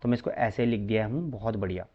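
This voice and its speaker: A man's voice: lowish voice, fast talker, dull audio. A man teaching a maths lesson in a chatty, coaxing way, often addressing students as brother.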